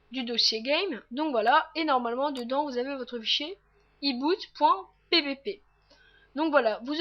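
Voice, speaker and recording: A woman hosting a casual tech tutorial, talking viewers through each step in a chatty way with lots of fillers and quick self-corrections. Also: sits high, muffled recording. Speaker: tutorial host.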